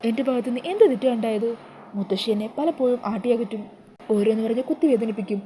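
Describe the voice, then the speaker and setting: A woman's voice: fairly high pitch, fast talker, mellow, slight background noise, lightly acted. A woman voicing a young woman who pleads with her mother in tears, in a retold TV serial. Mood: tearful pleading. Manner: pleading, distraught.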